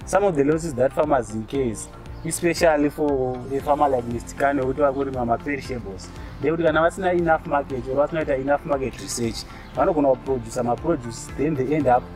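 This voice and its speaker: A man's voice: medium pitch, darkish tone. A Zimbabwean man in his twenties on an outdoor panel, mixing Shona into English with hesitant fillers. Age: 20s. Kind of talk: panel discussion. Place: outdoors by a brick wall.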